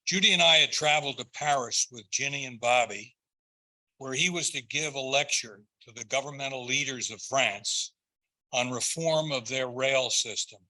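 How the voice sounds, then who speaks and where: An older man delivers a prepared eulogy in a measured, earnest and tender way, phrase by phrase. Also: mid-range voice, sharp tone, rough recording.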